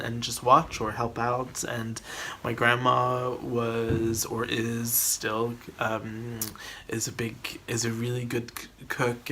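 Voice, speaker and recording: A man's voice: mid-range voice, pushed and bright, slight background noise. A man from the Philippines hosting his cooking channel, chatting casually to a camera on a tripod, rambling with restarts and little laughs.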